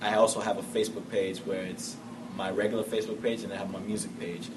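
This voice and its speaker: A man's voice: fairly low pitch, level tone, fast talker, noisy background. A man in his twenties, a musician and activist, speaking thoughtfully in a documentary interview. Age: 20s. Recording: distant mic under loud music.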